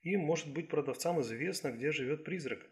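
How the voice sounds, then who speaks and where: A man reading the lines of a tired young female police detective in an audiobook, quiet and subdued. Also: on the high side, fairly quick, close to an everyday voice.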